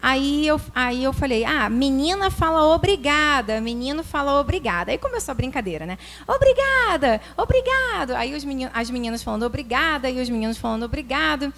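A woman, a preschool teacher, telling a personal classroom story in an animated way, acting out quoted voices and using religious phrasing. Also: high voice, fairly quick, hardly any pauses. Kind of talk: personal testimony talk.

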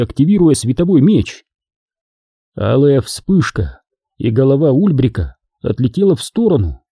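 A man reading an audiobook, narrating in an expressive storytelling manner. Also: medium pitch, slightly rough, dry recording, studio quality. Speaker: audiobook reader. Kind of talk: scripted narration.

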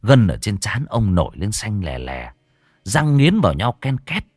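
A man narrating a ghost story in a dramatic, expressive storytelling manner. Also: on the low side, a little slow, no room sound, clean studio sound.

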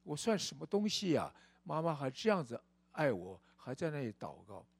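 A man's voice: fairly high pitch, big pitch swings, normal speed, creaky, husky, no echo. A man preaching a storytelling sermon in a church, folksy in tone and asking rhetorical questions.

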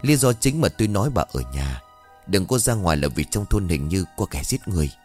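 A man voicing a frightened but dutiful older village head who speaks in urgent, hushed tones. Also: sits low, sing-song, fairly quick, soft background music.

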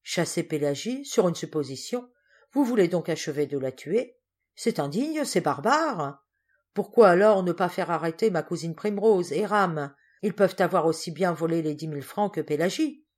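A woman's voice: lowish voice, expressive, normal speed, darkish tone. Woman reading as impassioned young son Georges. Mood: indignant. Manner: fervent, declamatory.

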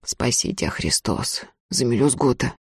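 A woman reading aloud voices a gruff, hungry teenage peasant boy who mutters hoarsely through his teeth. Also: rumbling low, animated, moderate pace, no echo, clean studio sound, voice pushed down, heavily acted. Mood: sullen.

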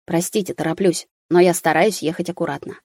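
A woman voicing a calm, polite young man who drives, in a plain, steady voice. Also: lowish voice, a little fast, no room sound, studio quality.

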